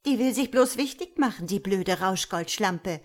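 A woman's voice: mid-range voice, very animated, a little slow. A woman reading a storybook aloud and voicing a cheeky, defiant female angel with a brash, slangy way of talking. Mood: spiteful.

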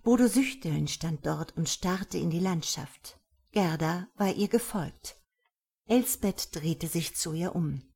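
A woman reading a story aloud in measured audiobook narration. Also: on the low side, animated, creaky, mellow, husky.

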